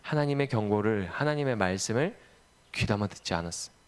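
A man, a pastor, giving a children's sermon, animated and asking the children questions as he tells the story. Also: on the low side, brisk, slight background noise.

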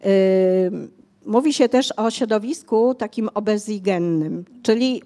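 On a bookshop cafe stage indoors, an older woman author is interviewed conversationally, explaining at length with many hesitations into a handheld mic. Her medium-pitched voice is warm and unhurried.

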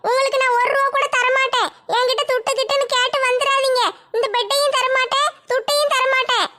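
A woman's voice: extremely high pitch, little pitch movement, brisk, pushed and bright. A woman voicing a stubborn, defiant young woman in a comedy sketch. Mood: scolding. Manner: defiant, scolding.

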